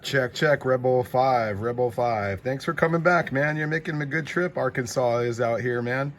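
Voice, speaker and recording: In this clip a man acts as a CB radio operator and channel host, making casual contact calls with short calls and acknowledgements and repeating call signs. His mid-range voice is a bit bright, his pace is moderate, and there's slight background noise.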